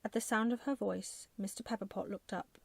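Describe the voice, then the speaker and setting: A woman narrating a bedtime story in a soft, gentle, measured ASMR style. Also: mid-range voice, fairly even intonation, creaky, breathy edge, dry recording.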